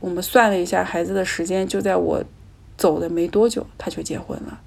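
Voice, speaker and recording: Gravelly-voiced woman telling her own story. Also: fairly low pitch, fairly even intonation, brisk, a little mellow. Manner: reflective, candid, emotional. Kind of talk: personal storytelling.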